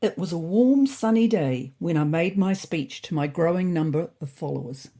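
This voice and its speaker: The narrator of an audio story, a woman with a slightly husky, fairly low voice, reads a scripted comic first-person tale. She stays in character, expressive and indignant, at a moderate pace.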